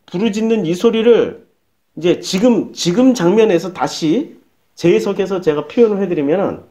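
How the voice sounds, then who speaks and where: A male pastor preaching a sermon in a lively, colloquial way, firing off rhetorical questions. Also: very high voice. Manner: animated, colloquial, rhetorical questions, acts out prayers.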